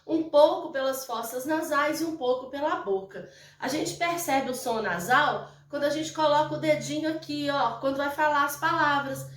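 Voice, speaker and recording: A woman's voice: high voice, a bit bright. A Brazilian woman teaching a recorded lesson to young children, explaining patiently and repeating herself, often checking that her pupils follow. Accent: Brazilian Portuguese. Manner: slow, patient, repetitive explaining with check-ins. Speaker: primary school teacher. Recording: echoey room, mic at a distance.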